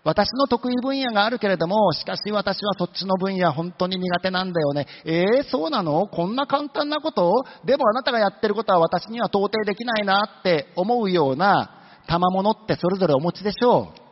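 A man's voice: high voice, fairly quick, slight background noise. A man preaching a sermon, telling the story with humorous asides. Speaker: pastor. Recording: dull lo-fi sound with long hall reverb.

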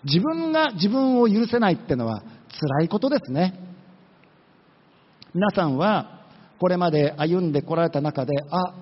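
Husky-voiced man preaching in a reverberant hall. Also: sits high, sing-song, normal speed, long pauses. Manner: conversational, acts out quoted voices, rhetorical questions. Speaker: pastor. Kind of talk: sermon. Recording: dull lo-fi recording with long hall reverb.

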